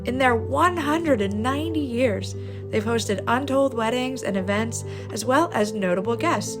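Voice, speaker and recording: Her voice sits on the high side and she takes her time as she hosts a travel vlog. The narration is upbeat, playful and theatrical, set against background music.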